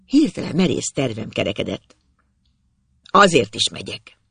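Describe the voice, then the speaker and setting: A reader narrating a first-person storybook tale in an expressive storytelling manner. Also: mid-range voice, vocal fry, breathy edge, dry recording.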